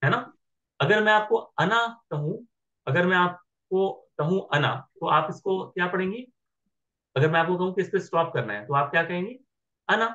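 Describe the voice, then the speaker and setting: A man's voice: sits high, lively intonation, normal speed, pushed and bright, dull audio. A man teaching Arabic grammar in an online class, patiently asking his students whether they follow. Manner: patient, checks understanding with questions.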